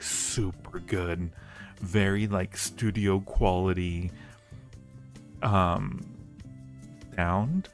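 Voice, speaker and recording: Hosting a livestream with music playing underneath, a man with a lowish, creaky voice chats with viewers. He is an audio roleplay creator too, and his talk is casual, playful, and affectionate toward his audience.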